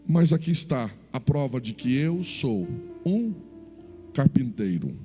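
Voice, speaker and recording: A man's voice: medium pitch, big pitch swings, takes it slowly, warm tone, voice pushed down. A male pastor voicing a kind, wealthy father in a sermon story. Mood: tender. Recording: reverberant church hall, faint music.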